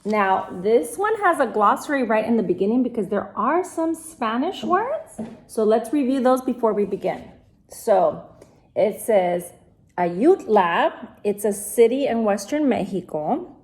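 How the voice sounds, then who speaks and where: Slow-reading woman teacher. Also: a little high, sing-song, a little mellow, a little hiss or hum. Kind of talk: read-aloud storytelling.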